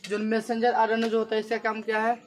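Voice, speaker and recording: Man, high voice, classroom biology teacher, repeats questions to the class. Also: monotone, fast, slight background noise. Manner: repetitive question-and-answer teaching. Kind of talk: classroom lecture.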